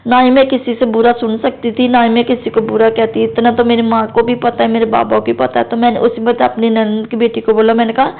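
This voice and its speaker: A woman's voice: on the high side, little pitch movement, a little fast, vocal fry, few pauses. A middle-aged woman from Jammu telling a long personal testimony to a devotional congregation, rambling and repeating her address to the listeners. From Jammu, India. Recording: tinny phone-like recording.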